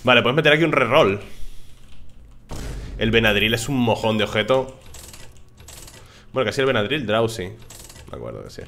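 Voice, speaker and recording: Bright-voiced young man commentating gameplay. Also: lowish voice, moderate pace, long pauses, slight background noise. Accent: Spain Spanish. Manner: excitable, swears freely, talks to his viewers. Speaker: gaming video host.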